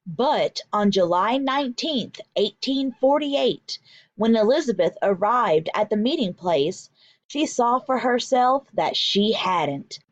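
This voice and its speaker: A woman teacher reads a picture book aloud to young children, her storytelling deliberate, emphatic and instructive. Her voice sits on the high side and sounds animated, and the recording is slightly dull with no echo.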